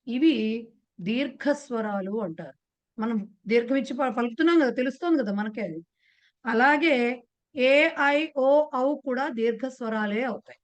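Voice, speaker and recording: A woman with a Telugu accent teaching a beginners' class, explaining patiently and putting questions to her students. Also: a little high. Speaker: Sanskrit teacher. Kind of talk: online class lecture.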